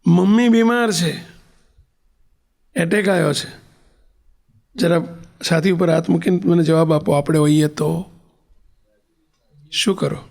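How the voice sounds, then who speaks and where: A male preacher delivers a sermon, telling a story and pressing his listeners with questions. His voice is high-pitched with a gravelly rasp. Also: a little slow, long pauses, a little mellow. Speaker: spiritual leader giving a discourse.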